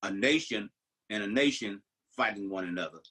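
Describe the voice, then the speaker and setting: Husky older man telling stories. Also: on the low side, animated, normal speed, bright, forceful tone, rough recording. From United States. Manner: rambling storyteller, many restarts. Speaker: podcast co-host. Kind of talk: casual chat.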